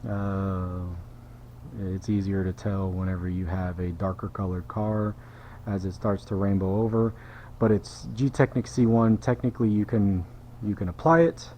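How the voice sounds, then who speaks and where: Middle-aged man, lower voice, slightly winded, self-deprecating shop talk, faint background hum. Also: highs cut off. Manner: chatty, self-deprecating, jokey asides to viewers. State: out of breath from work. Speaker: car detailer. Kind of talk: casual how-to narration while working. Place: auto detailing shop.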